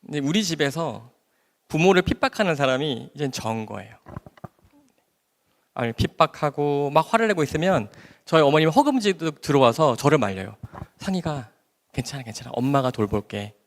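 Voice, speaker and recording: Animated man giving a church testimony. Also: a little high, normal speed. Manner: emotional, animated storytelling. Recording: long hall reverb.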